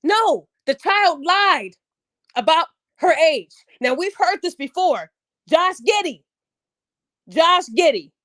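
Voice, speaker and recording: A woman with a very high voice delivers a heated, blunt podcast rant, swearing freely and hammering her points home. The sound is dry and close, with no room around her. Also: sing-song, takes it slowly, fairly bright tone, no echo. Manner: heated, blunt, profane, emphatic. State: upset. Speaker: podcast host. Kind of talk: angry opinion rant.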